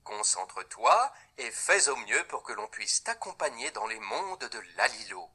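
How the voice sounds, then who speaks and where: A man reading scripted instructions to a child in a reading app, clearly articulating and dictating single words. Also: medium pitch, sing-song, a little slow, pushed and bright.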